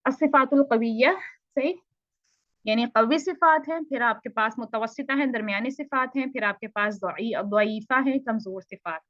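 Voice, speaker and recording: A woman's voice: a little high, moderate pace, a bit bright, no room sound, dull audio. A woman teaching Tajweed in an online lesson, patiently repeating points and asking checking questions.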